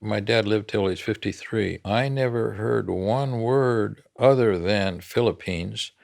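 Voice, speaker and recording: Older man with a deep gravelly voice. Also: slow pace, a little mellow. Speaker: interviewee. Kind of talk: reminiscing interview.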